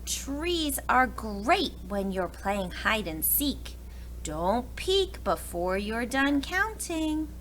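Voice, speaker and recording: Reading a picture book expressively to little kids, this American preschool teacher tosses in questions and side comments. She speaks very slowly in a slightly high, fairly bright voice with big pitch swings, over noticeable background noise.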